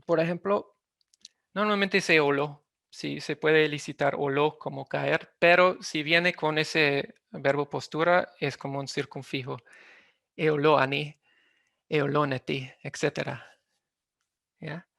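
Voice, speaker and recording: Halting man with a gravelly, bright voice. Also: on the high side, steady tone, no echo, studio quality. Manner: halting, often searches for words. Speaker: linguistics presenter. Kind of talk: academic presentation.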